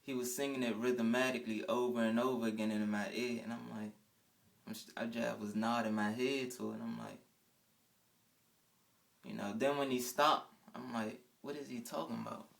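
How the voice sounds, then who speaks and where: A man's voice: medium pitch, little pitch movement, normal speed, vocal fry. A young man casually telling a rambling first-person account in a vlog, with restarts and trailing off. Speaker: vlogger.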